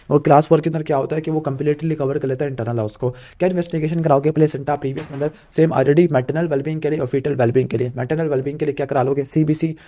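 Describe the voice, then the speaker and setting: A Pakistani medical exam tutor with a fairly high, mellow voice gives a revision lecture. He rattles through lists, asks himself questions, and ticks off points by saying "clear."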